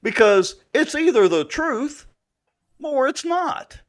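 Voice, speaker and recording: A man's voice: very high-pitched, big pitch swings, takes it slowly. A man co-hosting a political talk show, blunt and opinionated.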